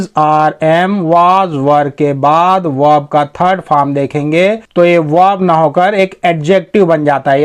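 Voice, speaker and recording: Man, teacher, slow deliberate reading, explains each word, fairly high pitch. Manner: reads English slowly, then explains in Hindi. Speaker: English teacher. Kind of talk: line-by-line story reading lesson.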